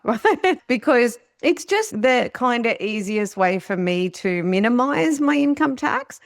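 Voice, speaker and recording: A woman's voice: mid-range voice, no echo, clean studio sound. A woman hosting a podcast, talking in a chatty, casual way and laughing often. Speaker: podcast host. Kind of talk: casual interview chat.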